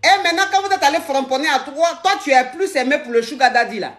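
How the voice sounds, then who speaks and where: A woman's voice: high voice, lively intonation, fast talker, a little hiss or hum. A woman hosting a live call-in advice stream, playful and repeating her phrases.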